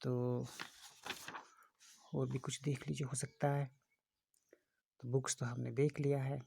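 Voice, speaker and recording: A middle-aged male schoolteacher giving a recorded lesson to children, explaining slowly and patiently with frequent fillers. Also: mid-range voice, level tone, creaky, dark tone, a little hiss or hum. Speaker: school English teacher. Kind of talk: recorded classroom lesson in Hindi and English.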